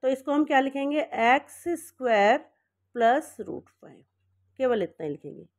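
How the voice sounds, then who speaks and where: Woman maths teacher, fairly high voice, works steps on the board, checks in often, corrects herself. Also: animated, moderate pace, muffled recording. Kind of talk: step-by-step board lesson.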